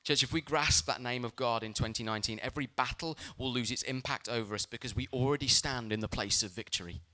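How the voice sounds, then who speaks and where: A man preaching a sermon as a pastor, speaking with emphasis and telling lively personal stories. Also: medium pitch, fast talker, a little hiss or hum.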